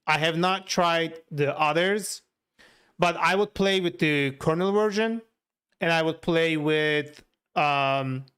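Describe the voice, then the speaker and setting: On a livestream, a man from Turkey works and casually answers viewers in a fairly high, somewhat bright, smooth voice. He's a software developer and native Turkish speaker with a Turkish accent.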